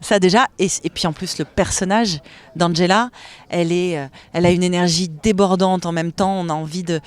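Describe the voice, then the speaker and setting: A stage actress from France speaking in an interview, enthusiastic and expressive, laughing often between thoughts. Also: female voice, fairly low pitch, brisk, no echo.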